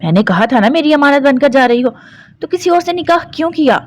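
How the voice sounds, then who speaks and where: A woman's voice: sits high, expressive, fairly quick, voice pushed up. A possessive young husband who snaps orders and silences every objection, voiced by a woman narrator. His lines come out harsh and commanding.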